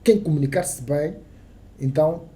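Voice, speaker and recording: A man from Angola, whose first language is Kissolongo, speaks Angolan Portuguese as a journalist guest on a casual podcast interview. His voice sits a little high, with a warm tone and a measured pace. He uses plenty of fillers and restarts, with emphatic turns.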